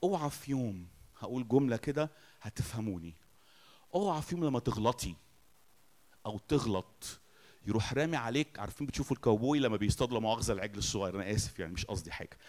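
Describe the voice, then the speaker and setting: A man with an Egyptian Arabic accent preaching a sermon. He asks the congregation questions and answers them himself, moving between loud declarations and soft, quiet lines. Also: mid-range voice, animated, very fast.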